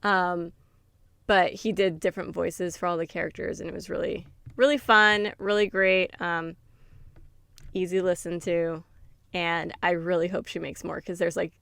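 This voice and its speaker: A woman's voice: fairly low pitch, fairly even intonation, moderate pace, vocal fry, a bit bright, smooth, dry recording. A woman co-hosting a book review podcast, retelling a story in a chatty way with lots of fillers. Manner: chatty, many fillers, laughs while retelling. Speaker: podcast co-host. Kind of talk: casual book review chat.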